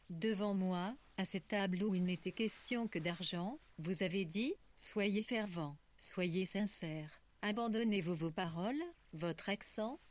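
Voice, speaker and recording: A woman's voice: medium pitch, no echo, close to an everyday voice. A woman reading as an ambitious, scheming young man. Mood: earnest. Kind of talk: audiobook reading.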